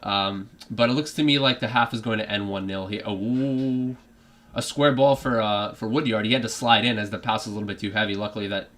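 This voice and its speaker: Low-voiced man doing live match commentary. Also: fast talker, hardly any pauses, fairly bright tone. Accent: put-on British. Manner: rambling, many fillers and restarts, drifts off topic. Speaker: fan streaming a live match reaction. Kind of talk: live football reaction commentary.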